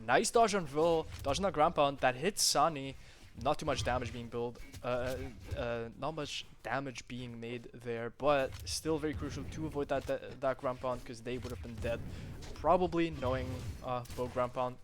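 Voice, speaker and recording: Male esports caster, rapid excitable play-by-play, mid-range voice, loose and profane with chat. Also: medium pitch. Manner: rapid, excitable calls with frequent fillers and casual swearing; loose, chatty asides to the stream chat between games. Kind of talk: live play-by-play game commentary.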